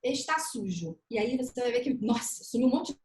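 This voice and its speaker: A woman with a Brazilian Portuguese accent, an educator explaining step by step on a panel discussion, animated and acting out parents' reactions. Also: on the high side, fast. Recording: echoey room sound.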